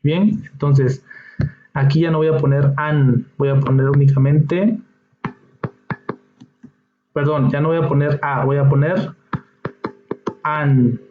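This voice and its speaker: Teaching English slowly and with long pauses, this man explains each step patiently and checks in with the class. His slightly high voice holds steady, captured in a dull, echoey room.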